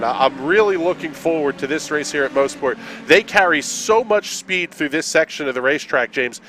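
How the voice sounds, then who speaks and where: A man calling play-by-play for an online racing broadcast, brisk and steady, rising sharply when trouble hits the track. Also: a little high, a little hiss or hum. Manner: brisk, builds to shouts at incidents. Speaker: play-by-play commentator. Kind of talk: sim racing play-by-play commentary.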